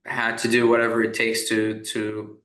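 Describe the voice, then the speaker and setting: In an echoey room, an Iraqi business founder with a fairly low, slightly bright voice speaks at normal speed in a monotone. Appearing as a podcast guest, he recounts his story while rambling, restarting frequently and filling pauses.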